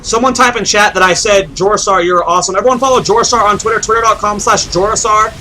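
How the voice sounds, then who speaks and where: Solo esports caster, young man, high bright voice, rambling play-by-play. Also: fairly even intonation, quick pace, slight background noise, poor audio. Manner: rambling, thinks aloud with restarts. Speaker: game caster.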